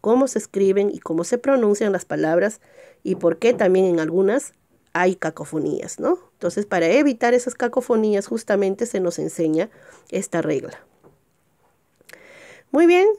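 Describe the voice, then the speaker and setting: A woman teacher giving a recorded grammar lesson. She asks rhetorical check questions, slows down to stress example words and jumps up in pitch at each new point. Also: animated, darkish tone.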